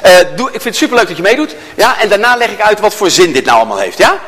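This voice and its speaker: A man with a high, bright voice leads a live workshop and swoops all over his range as he jokes with the crowd. His words ring out with the long reverb of a large hall. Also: very fast. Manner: animated, joking storyteller who addresses the audience. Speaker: workshop speaker. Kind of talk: interactive talk to a live audience.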